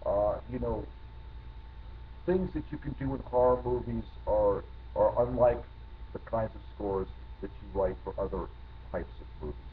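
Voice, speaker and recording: Over a video call, a middle-aged composer from New Jersey answers interview questions with meandering, thoughtful stories full of restarts. He speaks a little slowly in a lowish voice, and the tinny, lo-fi connection carries faint noise.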